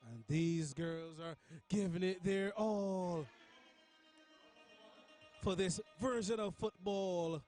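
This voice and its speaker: A man with a Barbadian accent doing live, chatty commentary on a futsal match, breaking into excited shouts at big chances. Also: high-pitched, slow, pauses often, soft background music.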